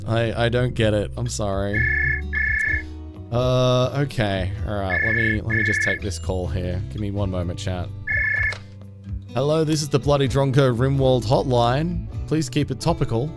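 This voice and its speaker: A man's voice: mid-range voice, unhurried, loud music behind the voice. A chatty man streaming a game live, talking to chat with a self-deprecating manner.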